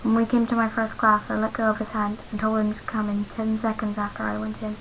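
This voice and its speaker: A woman reading her own fanfiction aloud in a careful, unhurried amateur style. Her voice sits in a middle register and stays flat and even, with little rise and fall. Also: medium pitch, gravelly, slight background noise, low-quality recording. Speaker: fanfiction reader.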